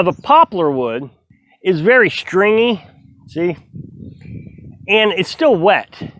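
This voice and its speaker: Splitting firewood on his homestead, a middle-aged man talks to the camera outdoors in a casual, earnest way. He rambles and reflects on himself, his voice sitting high, and the recording carries no room sound.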